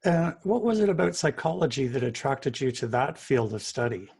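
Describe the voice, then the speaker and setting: A man with a mid-range voice hosts a counseling podcast, asking his guest plain questions in an easy, relaxed way. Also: medium pitch, moderate pace, gravelly, breathy edge. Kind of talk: interview questions.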